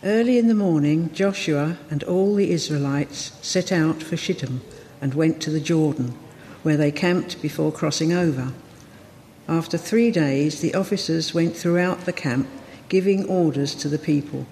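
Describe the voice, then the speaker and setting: A woman reading a Bible passage aloud to a congregation, steady with small slips. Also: low-pitched, normal speed, a little hiss or hum. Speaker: scripture reader. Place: church. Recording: long church reverb.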